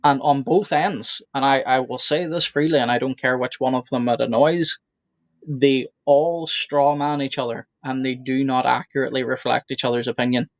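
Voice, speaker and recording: A man's voice: medium pitch, steady tone, dry recording, muffled recording. Frank male co-host on dry call audio. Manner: frank, opinionated, deliberate. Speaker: podcast co-host. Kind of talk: casual discussion.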